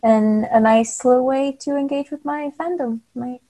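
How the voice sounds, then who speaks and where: A woman's voice: high voice, normal speed, mellow. A woman in her twenties from Bulgaria, a Bulgarian native speaker talking in English as a guest in a casual interview, friendly and chatty with light laughs. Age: 20s. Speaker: guest cosplayer.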